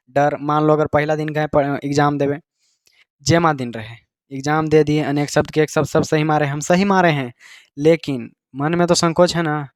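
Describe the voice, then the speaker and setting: A man's voice: fairly high pitch, no echo, studio quality. A man with a Bihari Hindi accent teaching a class in a casual, chatty way, often quizzing his students. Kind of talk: classroom lecture.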